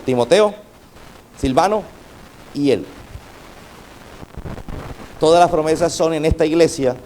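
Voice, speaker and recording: High-voiced fervent male pastor preaching. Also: darkish tone. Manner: fervent preaching, calls out to the congregation for responses. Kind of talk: sermon.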